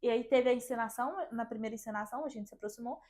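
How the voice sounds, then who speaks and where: A young woman guest telling personal stories in a lively, chatty way with lots of filler phrases. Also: fairly high pitch, racing, a crowd in the background. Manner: lively storyteller, fills with "meio tipo assim". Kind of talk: casual chat.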